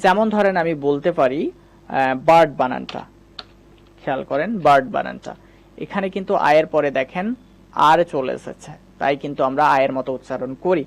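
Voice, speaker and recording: Patient male reading teacher, bit high. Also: fairly quick, vocal fry. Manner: patient, repetitive, explains step by step. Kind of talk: spoken lesson.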